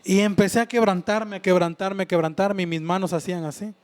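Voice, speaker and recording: A man tells his personal faith testimony. He speaks earnestly and haltingly, often restarting and repeating his words. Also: high voice, fairly even intonation. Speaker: church member giving testimony.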